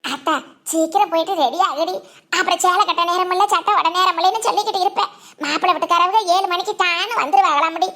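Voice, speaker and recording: A woman's voice: fast talker, heavily acted. Woman doing a nagging Tirunelveli village mother. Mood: scolding. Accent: Tirunelveli Tamil. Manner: scolding, nagging, high and bright. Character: scolding bossy village mother.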